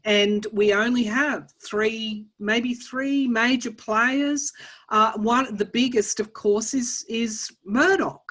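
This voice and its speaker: A woman's voice: a little high, slow, fairly bright tone. An Australian woman hosting a spiritual channel, talking casually with many restarts and fillers. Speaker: tarot channel host. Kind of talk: casual conversation.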